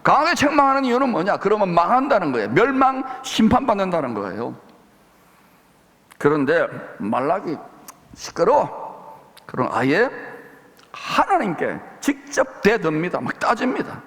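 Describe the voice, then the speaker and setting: Emphatic high-voiced male pastor. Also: big pitch swings, normal speed, fairly bright tone, in a large hall. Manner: emphatic, proclaiming declarations. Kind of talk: sermon. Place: church sanctuary.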